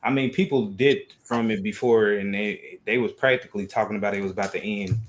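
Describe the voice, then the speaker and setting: A man's voice: lowish voice, fairly even intonation, brisk, slight background noise. A man chatting casually and with enthusiasm as a panelist on a live stream about comics and shows. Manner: enthusiastic, rambling fan talk. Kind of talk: casual chat.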